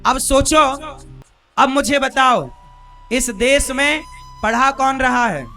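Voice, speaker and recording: Male preacher, very high piercing voice, hammers the crowd with questions, soft flute behind. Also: takes it slowly, soft background music. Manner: rhetorical questions to the audience, demanding replies; forceful, emphatic preaching with rising outbursts. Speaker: preacher giving a scripture discourse. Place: live religious gathering.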